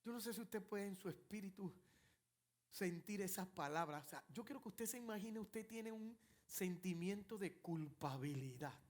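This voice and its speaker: A man's voice: sits high, lively intonation, normal speed. Impassioned male pastor preaching. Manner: impassioned, dramatic preaching, shifting between loud and hushed. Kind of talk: sermon.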